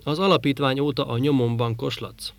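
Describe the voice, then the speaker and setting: A man voicing a gruff, grumbling male space trader in an audiobook reading. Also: medium pitch, fairly even intonation, dry recording, lightly acted. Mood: irritated. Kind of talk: audiobook character voice.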